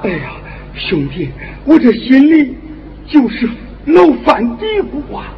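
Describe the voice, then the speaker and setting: A man's voice: extremely high pitch, sing-song, a little slow, soft background music, exaggerated voice. An actor playing an old father caught between his children, hesitant and fretful, in Henan opera stage acting. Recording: dull lo-fi stage recording.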